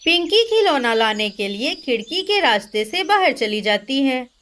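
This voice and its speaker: Slow, high-voiced woman narrator. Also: sing-song, fairly bright tone. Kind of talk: scripted storybook narration.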